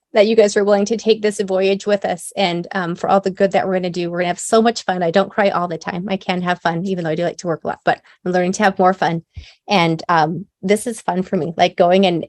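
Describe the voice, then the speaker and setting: A woman's voice: lowish voice, no room sound. A woman co-founder wrapping up a video call with her team, heartfelt and tearful as she thanks them. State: teary. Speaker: business co-founder.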